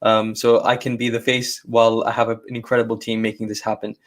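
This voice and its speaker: This male podcast host talks fast in a monotone, medium-pitched voice. Chatting with his guest interview-style, he keeps affirming them, restarting his sentences over and over and sprinkling in "like" and "you know."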